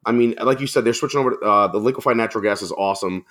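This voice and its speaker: A man's voice: lowish voice, very fast, fairly bright tone. A man talking casually as a guest on a podcast, friendly and chatty with frequent fillers.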